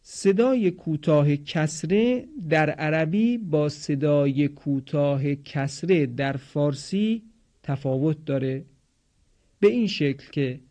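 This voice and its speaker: A man teaching Quran recitation in a pronunciation lesson, explaining patiently and sounding out model words slowly for listeners to repeat. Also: a little high, warm tone.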